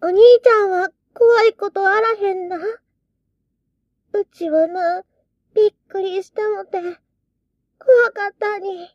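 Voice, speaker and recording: Succubus girl, Mie dialect, very high, slow and teasing, tabletop role-play. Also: fairly even intonation, no echo, dull audio. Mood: startled. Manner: sweet, teasing, drawn-out coaxing speech.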